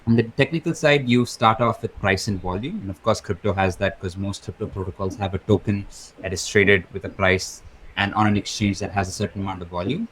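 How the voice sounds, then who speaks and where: Low-voiced man explaining methodically. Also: fairly even intonation, brisk, a bit bright, slightly rough, poor audio. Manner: fluent, methodical, rattles off lists. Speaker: guest, crypto research lead. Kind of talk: explanatory interview talk.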